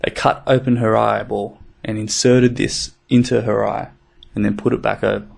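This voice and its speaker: Podcast co-host, man, deep fry-edged voice, easygoing and profane. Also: little pitch movement, normal speed. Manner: laid-back, swears, rambling with fillers. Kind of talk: casual chat.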